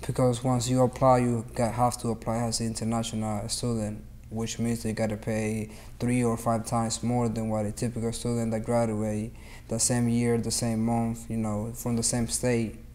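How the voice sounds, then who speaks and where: Flat, mellow young man. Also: mid-range voice, moderate pace. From Honduras. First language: Spanish. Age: late teens. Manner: earnest, determined, many fillers. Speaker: student activist. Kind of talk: interview testimony.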